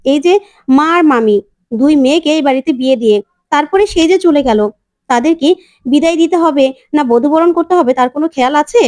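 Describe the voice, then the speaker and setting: A woman's voice: sits high, fairly quick, a little mellow, no echo, studio quality, lightly acted. A woman voicing a spiteful young woman who sides with the grandmother. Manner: spiteful, siding.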